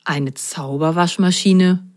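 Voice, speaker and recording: A woman voicing a calm male house cat who speaks softly and unhurriedly in a children's story. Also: fairly low pitch, no echo, clean studio sound. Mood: curious. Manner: soft, unhurried, purring.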